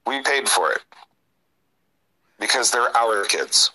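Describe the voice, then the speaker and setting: A man's voice: mid-range voice, expressive, takes it slowly, sharp tone, rough recording. A middle-aged man, co-hosting a casual political talk show in an earnest, opinionated way. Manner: opinionated, earnest, sighs between points.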